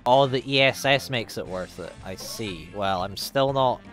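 A man's voice: medium pitch, normal speed, fairly bright tone. A man casually commenting on his own speedrun as he plays, thinking aloud, swearing freely and poking fun at himself. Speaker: speedrunner streaming his run. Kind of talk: casual live commentary over gameplay. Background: faint game music.

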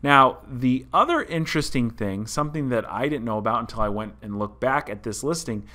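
A man in his thirties runs a car channel and, in casual vlog commentary from an indoor room, talks viewers through a story in a chatty, explanatory manner. His medium-pitched voice is brisk, pushed and bright with lively intonation, picked up by a desk mic in front.

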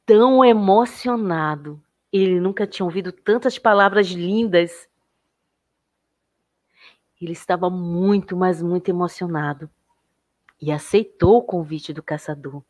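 A Brazilian woman educator telling a children's story in a gentle, expressive way. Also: lowish voice, measured pace.

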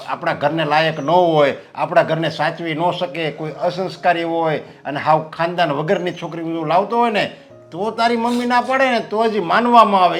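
A firm, lecturing middle-aged father, reasoning in homespun sayings. His voice sits a little high for a man, with soft music running behind him. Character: stubborn traditional father arranging son's marriage.

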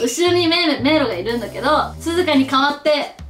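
A woman's voice: sits high, lively intonation, brisk, fairly bright tone. A young woman casually presenting and moderating a challenge video. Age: young adult. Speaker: host explaining and moderating the challenge. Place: small indoor room, seated on a sofa. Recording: echoey room with background music.

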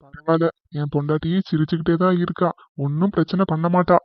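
A man voicing an easygoing young husband in a cartoon comedy, mild and pleading as he tries to calm things down. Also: a little high, quick pace, close to an everyday voice. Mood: placating. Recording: tinny phone-like sound.

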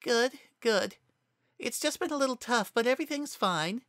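A narrator voicing a gentle, doting motherly female pony, lifted high above their usual voice. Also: animated, normal speed, dry recording, clean studio sound. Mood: fond.

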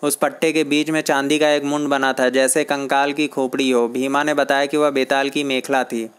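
A man reading a comic aloud, voicing a sleepy, easily startled gentleman clubgoer in a plain, level way. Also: mid-range voice, flat delivery, normal speed, clean tone, lightly acted. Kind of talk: comic book read aloud.

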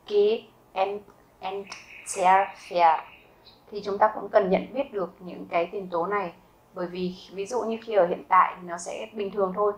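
Woman teaching German grammar calmly. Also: medium pitch, low-quality recording. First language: Vietnamese. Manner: repeats example sentences slowly and carefully; asks learners rhetorical questions. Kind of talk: explanatory grammar lesson.

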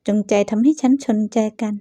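A woman voicing a manga story, speaking in a thoughtful, quiet inner-monologue tone. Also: fairly quick, no echo. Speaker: manga dub voice actor.

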